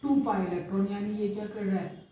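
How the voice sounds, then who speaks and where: A woman's voice: mid-range voice, fairly even intonation, fast, very echoey, recorded from a distance, narrow, tinny audio, a little hiss or hum. A woman chemistry teacher giving a classroom lecture, explaining step by step and often checking that students follow. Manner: explains step by step, checks understanding with frequent "theek hai". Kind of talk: classroom lecture mixing Hindi and English.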